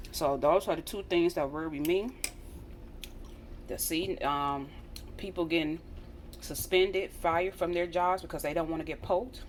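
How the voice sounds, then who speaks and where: Speaking to her viewers in a deep voice, this American woman vlogger keeps things casual yet earnest and repeats phrases for emphasis. Slight background noise can be heard.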